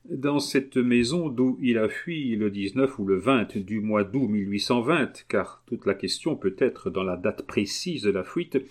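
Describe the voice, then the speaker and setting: A man reading a novel aloud, voicing an earnest, persuasive gentleman who speaks in a calm, measured way. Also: mid-range voice. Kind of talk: audiobook reading.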